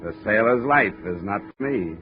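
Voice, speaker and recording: An actor plays a wry, hard-boiled male insurance investigator working undercover as a sailor, with an American accent, in dry 1950s radio detective style full of wisecracks and first-person narration. His lowish voice is expressive, close to everyday speech and at normal speed. The recording is a dull old radio recording with music.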